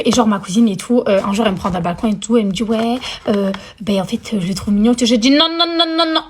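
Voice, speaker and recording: A woman's voice: on the high side, slight background noise. A young woman telling a childhood story in a chatty, dramatic way, full of slang and English phrases. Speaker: storyteller vlogger. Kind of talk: casual story time.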